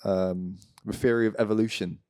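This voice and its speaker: A man's voice: fairly low pitch, steady tone, normal speed, darkish tone, clean tone, dry recording, clean studio sound. A man co-hosting a podcast in casual chat, thinking aloud hesitantly and trailing off. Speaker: podcast co-host.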